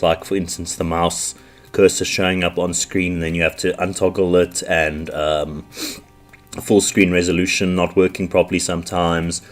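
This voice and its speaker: A man who is sick with the flu, casually commenting on an old computer game with frequent ums. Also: sits low. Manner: relaxed, with frequent ums and likes. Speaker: retro game channel host.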